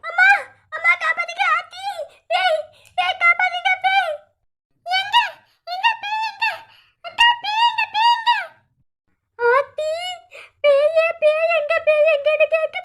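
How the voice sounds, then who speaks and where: A woman's voice: very high-pitched, steady tone, moderate pace, a bit bright. A woman voicing bickering, easily frightened young village women in a cartoon, with a Kanyakumari Tamil accent. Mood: panicked. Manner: squabbling, shrieking.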